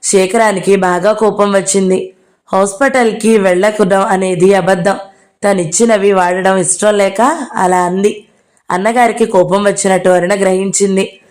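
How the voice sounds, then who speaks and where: A woman narrating an audio novel in a steady storytelling read. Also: mid-range voice, moderate pace.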